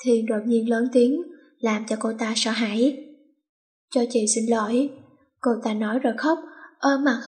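A woman narrating an audiobook story in a steady storytelling voice. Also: on the high side, moderate pace.

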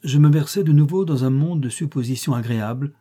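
A man narrating a classic short story in the first person, reading in a measured, literary manner. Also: a little high, warm tone, husky. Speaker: audiobook reader.

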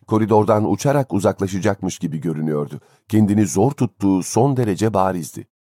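A man reading a story aloud as an audiobook narrator, in a measured, expressive way. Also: low-pitched, no room sound, clean studio sound. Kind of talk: scripted narration.

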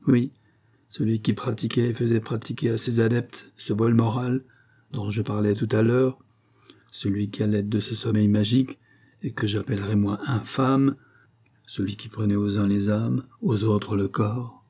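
A man's voice: fairly low pitch, steady tone, moderate pace, warm tone, breathy edge. A man voicing a haughty, scornful queen with a biting, contemptuous delivery. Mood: venomous.

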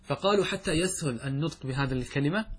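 Husky-voiced man teaching grammar. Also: fairly high pitch. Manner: asks students questions, recites verse slowly. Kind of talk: classroom lesson explaining grammar.

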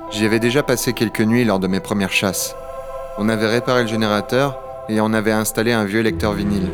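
In a French science-fiction audio drama told in first-person narration, a male actor voices a gruff, impatient but well-meaning dragon hunter. His fairly low voice is lightly acted, speaking in blunt, colloquial, matter-of-fact language with swearing. Music plays behind him.

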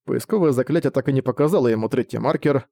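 Mellow-voiced male audiobook narrator. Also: medium pitch, fast talker, vocal fry, dry recording, studio quality. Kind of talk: scripted narration.

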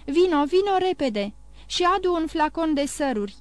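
Brief: narrator voicing a frightened young woman, urgent cries, high and tense, dry studio read. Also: dry recording, close to an everyday voice. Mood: panicked. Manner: urgent, crying out.

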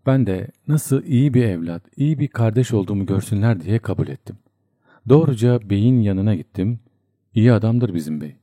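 A man's voice: on the low side, lively intonation, normal speed, warm tone, dry recording. A man voicing a young soldier who rambles and confides like a storyteller. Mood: rueful. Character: homesick young soldier, man, chatty and earnest.

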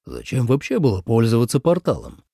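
A man reading an audiobook voices a weary male war god general, calm and measured. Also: medium pitch, creaky, husky, dry recording, studio quality, heavily acted.

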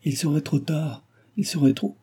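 A man's voice: on the high side, animated, moderate pace, dark tone, husky, voice pushed up, heavily acted. A man reading aloud, voicing an earnest young woman who pleads her case in an old novel. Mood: distressed.

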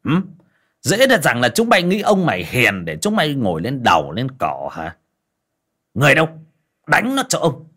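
A man's voice: low-pitched, sing-song, unhurried, long pauses, a bit bright, exaggerated voice. Man doing a cruel sneering moneylender. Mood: furious. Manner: sneering, barking insults and orders. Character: cruel wealthy moneylender man, scornful, bullying.

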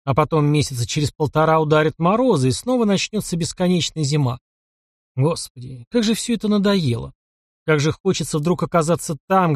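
A man narrating an audiobook with a steady, expressive reading on a close mic. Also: fairly high pitch, no room sound.

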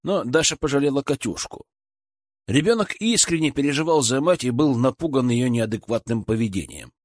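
A man narrating an audiobook calmly and evenly. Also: medium pitch, normal speed, dry recording, studio quality. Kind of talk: scripted narration.

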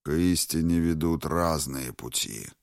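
A man voicing an ancient, wrathful ghost dragon in an audiobook, speaking slowly and solemnly. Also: rumbling low, no room sound, studio quality, voice pushed down. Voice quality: slow, heavy, solemn delivery.

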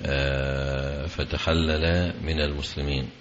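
A man giving a religious lesson, reading a commentary aloud and explaining it in a slow, measured way with long drawn-out pauses. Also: very deep voice, flat delivery, a little hiss or hum. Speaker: Islamic scholar teaching hadith commentary. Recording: echoey, dull lecture recording.

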